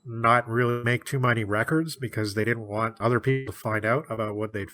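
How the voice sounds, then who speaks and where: Here a man co-hosts a podcast, his mid-range voice carrying a sharp tone as he talks casually about a book. Chatty and quick to laugh, he frequently puts on brief character voices.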